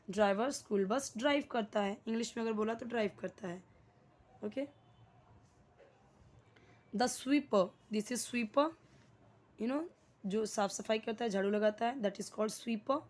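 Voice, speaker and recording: Young Indian woman, English teacher, a touch high-pitched, slow and patient, checks in with questions. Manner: explains slowly, checks with questions and repeats key words. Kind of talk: Hindi-medium English grammar lesson.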